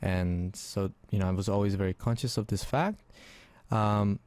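Low mellow-voiced man, thoughtful. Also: normal speed, no echo. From Argentina. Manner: thoughtful, hesitant, many fillers and restarts. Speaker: interview guest, film artist. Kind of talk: casual interview.

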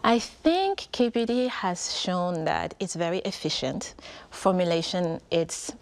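Low gravelly woman guest. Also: slow pace. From France. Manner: relaxed, frequent fillers and restarts. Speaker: guest, beauty company CEO. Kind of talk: conversational interview answers.

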